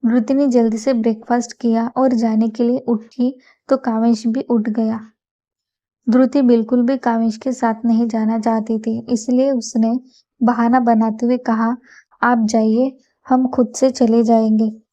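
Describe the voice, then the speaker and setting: Female audiobook narrator, mellow higher voice, steady scripted reading. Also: normal speed, muffled recording.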